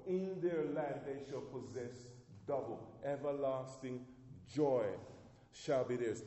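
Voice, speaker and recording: A man's voice: fairly high pitch, dark tone. A man pastor preaching a sermon, calling out to his congregation with rising emphasis. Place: church. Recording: echoey church hall.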